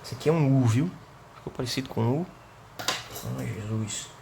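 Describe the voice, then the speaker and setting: A man's voice: medium pitch, moderate pace, vocal fry, noisy background. A male teacher from Brazil with a Northeastern Brazilian accent, giving a remote lesson and explaining step by step, often checking in with the class. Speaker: English teacher.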